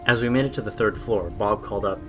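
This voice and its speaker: Man, horror story narration, low voice, hushed delivery. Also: a little fast, music in the background.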